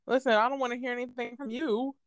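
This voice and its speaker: A woman's voice: fairly high pitch, fairly even intonation, quick pace, no room sound, studio quality. A young woman co-hosting a casual chat in a laid-back, teasing way. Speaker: podcast co-host.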